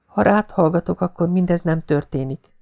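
A woman's voice: on the low side, creaky, dark tone, voice pushed up. A man voicing a remorseful, devoted young woman in an audiobook. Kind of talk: audiobook character reading.

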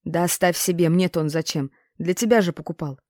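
A woman's voice: on the low side, brisk, a little mellow, dry recording, studio quality, natural voice. A woman voicing a brash grown man who speaks in blunt slang and teases in an audiobook. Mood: teasing. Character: brash, rough-talking grown man, teasing.

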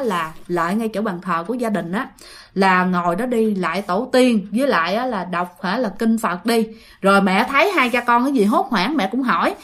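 A woman's voice: medium pitch, fairly bright tone. A woman with a Southern Vietnamese accent, casually retelling ghost stories sent in by listeners, full of chatty fillers. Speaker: ghost story narrator.

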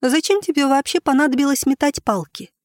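A man reading an audiobook voices an excitable female squirrel in a squeaky high voice. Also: brisk, dry recording, clean studio sound. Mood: curious.

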